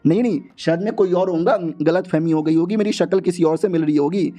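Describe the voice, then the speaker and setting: A young man retells a comic tale in a loose, slangy, playful way, jumping between characters as he goes. His voice sits high yet sounds mellow and soft-edged. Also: fast. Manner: playful, slangy, switches pitch for female characters. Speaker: manhua recap narrator. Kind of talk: casual storytelling recap, voicing all characters.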